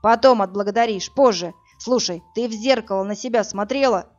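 Дерзкий громила-спаситель, которого читает женщина. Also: female voice, mid-range voice, a little mellow, lightly acted. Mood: brusque. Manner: brusque, mocking, hurried. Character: burly male rescuer, cocky and brusque. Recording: dull lo-fi audio, faint music.

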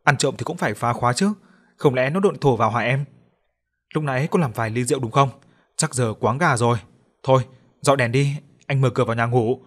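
A man's voice: medium pitch, a little fast, lightly acted. A man voicing a fatherly middle-aged builder who speaks in a teasing, good-natured way. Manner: warm-hearted, teasing.

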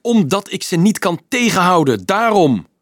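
A hot-tempered teenage boy, shouting and snapping with a high cracking voice, as a male reader puts him on. Husky, dry audiobook sound, close to the mic, with wild swings in pitch. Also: animated, normal speed, no room sound, natural voice. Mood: angry. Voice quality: voice cracking with rage.

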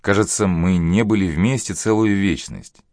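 Audiobook figure: tired, jealous young lieutenant, quiet and soft-spoken, voiced by a deep-voiced male reader. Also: normal speed, dry recording, studio quality. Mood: weary, subdued. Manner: subdued, tired, pleading.

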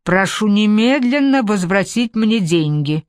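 A woman's voice: animated, unhurried, dry recording, clean studio sound, natural voice. A woman reading aloud voices a hysterical, domineering general's wife in an overwrought, raised tone. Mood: demanding. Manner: shrill, overwrought, raised pitch.

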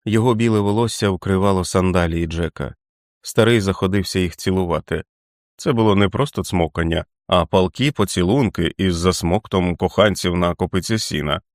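A man with a very deep voice reads a novel aloud in a measured, expressive way. The recording is dry and close-miked, with no room sound. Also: no echo. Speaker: audiobook narrator. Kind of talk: scripted audiobook narration.

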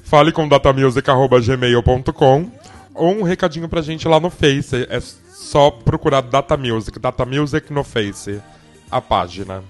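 A man's voice: mid-range voice, normal speed. A man co-hosting a casual radio chat about music, playful and giggly, talking through a head cold. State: has a cold. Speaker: podcast co-host.

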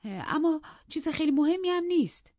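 A woman's voice: high voice, animated, a little mellow, no room sound, highs cut off, voice pushed up. A woman voicing a blunt, defensive housekeeper in an audiobook, indignant and pleading. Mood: explaining.

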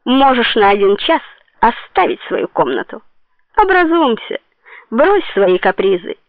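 A woman's voice: fairly high pitch, very animated, unhurried, dry recording. A woman voicing a mocking, bossy old woman in an audiobook, with a tinny phone-like sound. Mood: scornful. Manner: jeering, bossy.

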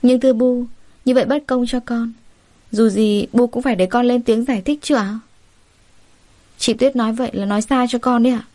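A woman's voice: a little high, fairly even intonation, brisk, warm tone, dry recording, lightly acted. A woman doing a polite, indignant young bride.

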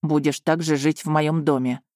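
Brief: woman playing a teasing young duke, low, gentle, dry audiobook sound. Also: steady tone, moderate pace, no echo, natural voice. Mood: coaxing.

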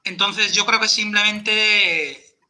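A podcast presenter teaching Elvish pronunciation walks through the rules step by step in a patient teaching chat, checking in with his listener. His voice is high, steady, and sharp, and he takes it slowly.

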